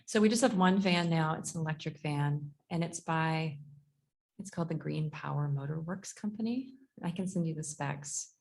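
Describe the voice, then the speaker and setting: A young woman with a lowish, gravelly voice gives a chatty work update on a video call. She talks casually and fills gaps with ums. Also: normal speed, a little mellow. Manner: chatty, laughing often, many fillers. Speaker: transit agency staff.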